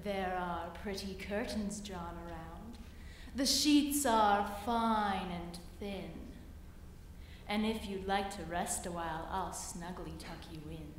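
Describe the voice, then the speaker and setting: Young woman doing a sly spider, low and slow, sweet-talking, echoey hall far from the mic. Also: slight background noise. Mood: coaxing. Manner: low, soft, coaxing and drawn-out. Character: sly flattering male spider, smooth and scheming. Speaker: student reciting a poem.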